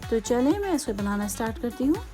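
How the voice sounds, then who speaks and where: A woman with a Hyderabadi accent hosts a home cooking tutorial, chatty and patient as she explains each step and adds many asides. Her voice is fairly high and dark-toned, with big pitch swings and a brisk pace, over soft background music.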